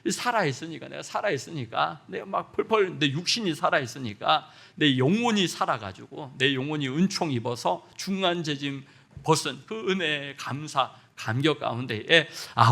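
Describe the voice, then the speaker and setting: A middle-aged male pastor preaches with fire. His bright, slightly high voice swings from loud exhortation to quiet asides. Now and then he acts out voices and sings short hymn lines. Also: lively intonation, normal speed, gravelly. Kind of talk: sermon.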